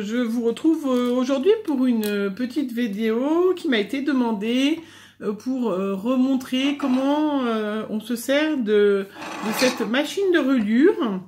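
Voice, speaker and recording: A middle-aged woman explaining a craft tool in a casual tutorial chat, pausing often with fillers. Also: on the high side, a little hiss or hum. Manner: hesitant, many fillers. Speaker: scrapbooking vlogger.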